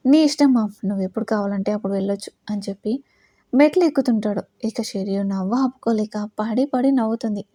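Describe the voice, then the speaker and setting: Mellow-voiced woman telling a story. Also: medium pitch, fast talker, no room sound, studio quality. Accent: Telugu. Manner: reads all characters, rising louder for quoted lines. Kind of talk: audio story narration with voiced dialogue.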